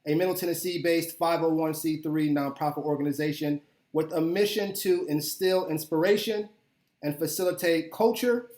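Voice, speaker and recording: Upbeat guy hosting a podcast, kinda high voice, sounds like a big echoey room. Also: a little mellow. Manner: upbeat, repeats words when enthusiastic. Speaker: podcast host. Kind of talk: casual interview chat.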